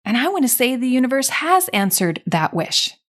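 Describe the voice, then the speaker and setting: A woman's voice: high voice, moderate pace. A middle-aged woman hosting a motivational podcast, talking emphatically and acting out what people say. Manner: emphatic, animated, acts out quotes. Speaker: podcast host and drinking coach.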